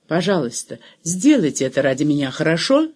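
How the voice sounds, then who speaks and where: A man voicing a calm, caring ship's doctor who gently reassures his patient in an audiobook. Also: a little high, a little fast. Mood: reassuring.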